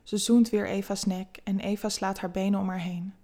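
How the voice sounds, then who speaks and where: Soft-spoken woman reading erotic stories. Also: mid-range voice, little pitch movement, moderate pace. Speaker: narrator.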